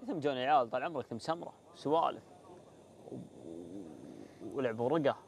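A man's voice: medium pitch, sing-song, normal speed, gravelly, a little hiss or hum. A young man with a Bedouin Saudi Arabic accent, chatting casually and telling stories with frequent polite forms of address. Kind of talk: casual chat and storytelling. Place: walled set with artificial grass, seated group.

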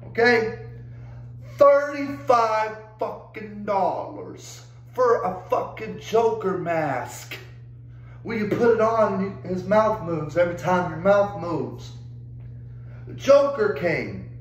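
Exasperated young guy ranting, cursing nonstop, high voice, faint hum behind. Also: roomy sound, poor audio. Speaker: vlogger. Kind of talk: angry rant to camera.

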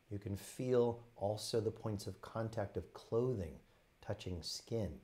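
A man leads a meditation in a fairly low voice. His delivery is gentle and slow, built from brief phrases with pauses in between, in the manner of a teacher guiding students through a practice.

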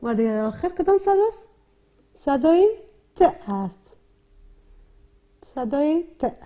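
A primary school teacher with an Afghan Dari accent leads a slow, repetitive literacy lesson for young learners. Her voice is high, soft and mellow with a sing-song lilt. She splits each word into its sounds and patiently repeats every one.

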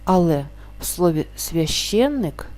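Female teacher for a spelling lesson, low mellow voice, measured, draws out example words. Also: sing-song. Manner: explains rules slowly, stretching example words. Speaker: language teacher.

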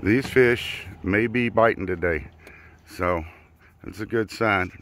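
A man's voice: on the low side, takes it slowly, fairly bright tone. Chatty man vlogging from a boat. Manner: chatty, filler-heavy, upbeat. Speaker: fishing channel host. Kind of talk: casual vlog narration. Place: small boat on a river outdoors. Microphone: handheld phone camera. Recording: outdoor noise from water and boat.

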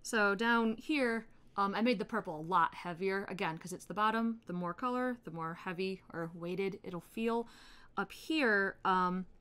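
A woman in her thirties hosting an art tutorial, chatting in a relaxed way while she colors, with soft murmured asides. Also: mid-range voice, measured pace, clean tone. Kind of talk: casual chat while coloring.

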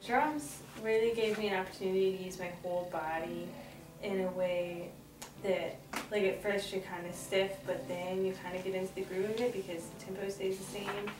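A woman's voice: medium pitch, steady tone, moderate pace, music in the background. Young woman student explaining stuff thoughtfully, far off in a roomy space. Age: young adult. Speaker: cello performance student. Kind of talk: interview. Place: small room with cabinets. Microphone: camera mic at a distance. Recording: echoey room, far from mic, noisy.

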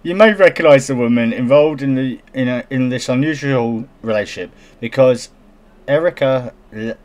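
A man's voice: mid-range voice, darkish tone. A man commenting casually on a news story, joking sarcastically and often stumbling over words as he reads aloud. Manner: giggly, sarcastic, stumbles while reading aloud.

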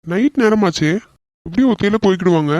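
A man voicing a hot-tempered but soft-hearted young husband in a cartoon, emotional and quick to apologize. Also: high-pitched, animated, no room sound. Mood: angry. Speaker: voice actor. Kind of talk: animated cartoon dialogue. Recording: dull, dry lo-fi recording.

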